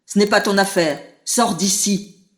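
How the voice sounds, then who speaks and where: A woman's voice: mid-range voice, sing-song, slow, darkish tone, reverberant. A woman voicing a mean giant male rat who bosses others around, harsh and mocking in a children's audiobook.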